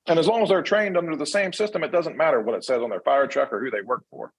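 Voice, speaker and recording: A man's voice: on the high side, quick pace, gravelly, husky, poor audio. An American man talking as a fire service instructor in an unscripted discussion, explaining in a conversational way.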